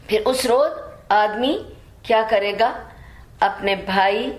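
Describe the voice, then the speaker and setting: Woman teaching Quran commentary in an echoey room. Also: medium pitch. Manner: explains in Urdu mixed with English words; recites verses slowly, then explains.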